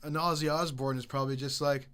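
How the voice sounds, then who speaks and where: Young man, podcast co-host, casual chat, higher-pitched voice, jokey. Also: steady tone, fast talker, a bit bright, clean tone. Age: young adult. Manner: jokey, easily sidetracked.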